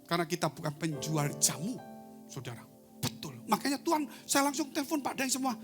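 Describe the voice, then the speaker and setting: A male pastor preaching a sermon, telling a personal story, who swings between loud exclamations and soft, hushed asides and keeps addressing his listeners as brothers and sisters. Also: high-pitched, big pitch swings, fairly quick. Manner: storytelling, addresses congregation as saudara. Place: church service, online broadcast. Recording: music playing behind the voice.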